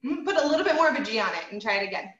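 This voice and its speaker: Heavy background noise surrounds a woman's slightly high, very animated, racing voice. She's a voice teacher running a group singing lesson, patient and encouraging, full of ums and sung examples, recorded in a roomy space with somewhat dull sound.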